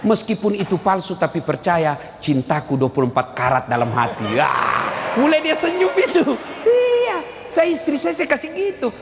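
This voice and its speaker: Animated joking preacher in a reverberant hall. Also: male voice, high voice, moderate pace, gravelly, few pauses, heavy background noise. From Indonesia. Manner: joking, teasing the audience, acting out little scenes with husbands and wives. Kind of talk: humorous sermon to a live congregation.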